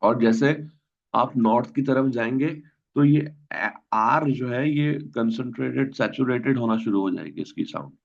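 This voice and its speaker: Over dull, lo-fi video call audio, a man teaches German online, patiently repeating words and quizzing his students. He speaks at normal speed in a mid-range voice with vocal fry.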